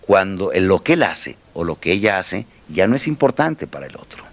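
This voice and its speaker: A man's voice: low voice, very animated. A man giving a motivational talk, asking rhetorical questions and repeating key words for emphasis. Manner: rhetorical questions, dramatic pauses, repetition. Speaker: motivational speaker. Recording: faint music behind.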